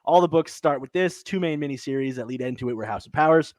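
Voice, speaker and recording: A man co-hosting a podcast in casual chat, upbeat and quick to laugh. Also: mid-range voice, dry recording. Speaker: podcast co-host.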